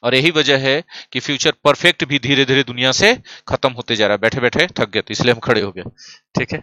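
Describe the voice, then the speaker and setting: A man's voice: medium pitch, fairly quick, pushed and bright, no room sound. A young man teaching grammar in an online class, teasing and quizzing his students. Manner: playful, teasing, asks the class questions. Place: classroom studio, standing at a desk.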